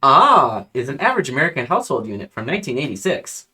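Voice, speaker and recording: A man's voice: medium pitch, big pitch swings, quick pace, sharp tone, breathy edge, full character voice. A man doing a robot voice for a clunky old male household robot crewman in a tabletop roleplay, stilted and formal. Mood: matter-of-fact. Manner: robot voice, stilted and formal, speaks of itself in third person. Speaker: player. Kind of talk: tabletop roleplay among friends.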